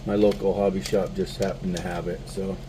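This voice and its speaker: A man's voice: deep voice, level tone, fairly quick, noisy background. A man vlogging a casual model car build walkthrough, just woken up, rambling and searching for words. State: just woke up. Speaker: RC hobby vlogger.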